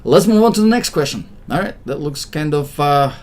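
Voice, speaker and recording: A man's voice: a little high, expressive, brisk, a little mellow. Man giving reassuring immigration advice. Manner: explanatory, reassuring, with frequent fillers and restarts. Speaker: immigration consultant answering viewer questions. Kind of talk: casual livestream advice.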